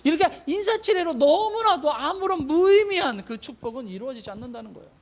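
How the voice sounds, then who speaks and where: Pastor guy preaching, voice sits way high and swings all over, keeps repeating stuff to hammer it home. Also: expressive, a little fast. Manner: emphatic, repeats phrases for weight; addresses the congregation directly with questions. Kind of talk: sermon.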